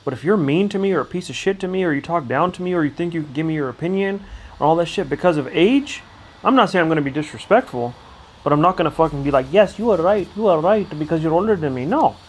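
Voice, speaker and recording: A man's voice: on the high side, animated. A man co-hosting a casual chat, brash and swearing a lot as he gives his views. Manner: brash, profane, quick-talking. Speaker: podcast co-host.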